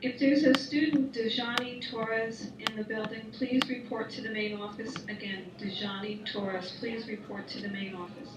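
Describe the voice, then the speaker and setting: A woman from the school office paging a student over the intercom loudspeaker, in a formal, measured announcement. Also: on the high side, steady tone. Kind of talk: public address announcement. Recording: echoey distant intercom in a noisy room.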